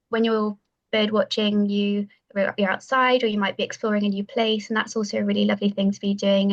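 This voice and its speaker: As president of her university's bird society, this young adult woman from Pembrokeshire, West Wales, chats as a podcast guest, sprinkling in "um", "like" and "kind of". Her voice is medium-pitched, and the recording has its highs cut off.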